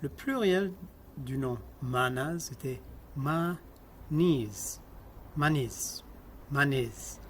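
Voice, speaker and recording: A man's voice: medium pitch, lively intonation, extremely slow, long pauses, a little hiss or hum. A man lecturing on linguistics, explaining step by step, asking the class questions and repeating example words.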